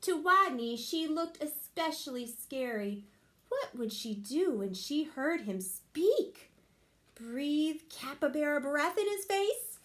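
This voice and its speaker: A woman teacher reading a picture book aloud to her class and explaining the lesson, with expressive storytelling. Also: high-pitched, takes it slowly.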